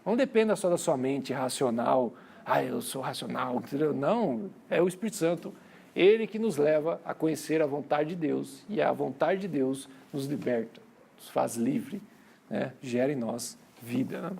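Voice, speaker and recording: A fairly high, animated, creaky voice with a dark tone and breathy edge, moving at a moderate pace, belongs to a man with a Brazilian Portuguese accent. He preaches at a church conference in a chatty, story-driven style, repeating phrases, saying brothers to the crowd, and dramatizing quotes from family anecdotes.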